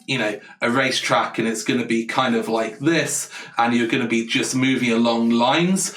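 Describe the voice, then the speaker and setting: On a live stream, a native English-speaking man thinks aloud as he designs a board game, eagerly rambling while responding to chat. His voice is medium-pitched and fairly bright, and the recording sounds roomy and far from the mic.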